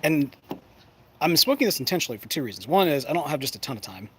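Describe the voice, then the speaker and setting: A man's voice: fairly high pitch, big pitch swings, fast talker. A man chatting casually to camera as a show host, folksy and playful, often rambling and breaking off mid-thought. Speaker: host of a pipe smoking show. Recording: clear background noise, ambient sound.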